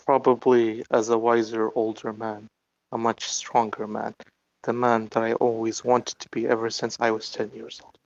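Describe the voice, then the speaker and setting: A man's voice: medium pitch, flat delivery, moderate pace, no echo, highs cut off. A man talking through a voice changer, giving curt, unbothered answers as the interviewee. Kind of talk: casual online interview.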